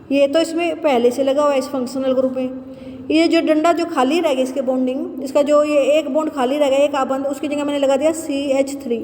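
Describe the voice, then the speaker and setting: A woman teacher giving a chemistry lesson, asking questions and answering them herself, repeating key terms slowly. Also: high-pitched, darkish tone, slight background noise. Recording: roomy echo with long reverb.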